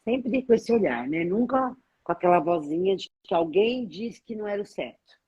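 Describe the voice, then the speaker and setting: A woman's voice: mid-range voice, lively intonation, moderate pace, slightly rough, lo-fi sound. A woman, a therapist co-hosting a live Q&A, who reasons aloud and explains her points step by step. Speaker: therapist co-host. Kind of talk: live Q&A chat.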